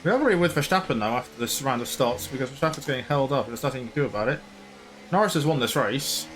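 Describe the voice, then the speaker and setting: A man's voice: medium pitch, expressive, fast, a bit bright, a little hiss or hum. A man casually commentating his own racing game play, chatty and rambling, sometimes slipping into mock broadcast commentary. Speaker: gaming YouTuber.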